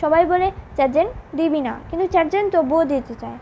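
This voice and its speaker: A woman's voice: high-pitched, dull audio, a little hiss or hum. A woman narrating a recap of a drama episode and reading out the characters' lines in her own voice. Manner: quick plain storytelling that reads out the characters' lines in her own voice. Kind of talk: retelling a drama episode with quoted dialogue.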